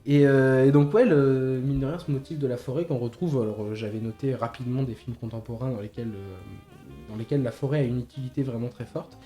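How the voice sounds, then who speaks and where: Brisk and barely pausing, a podcast co-host with a mellow mid-range voice talks casually about films, repeating words and hesitating as he works out his thoughts. Music sits behind a slightly roomy recording.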